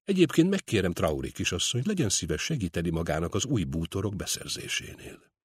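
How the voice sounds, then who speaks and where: A wry, kindly old art collector speaks softly and in measured tones, as a man puts him on. The voice is low and husky, close and dry, as in a storybook reading. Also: sing-song, no room sound, heavily acted.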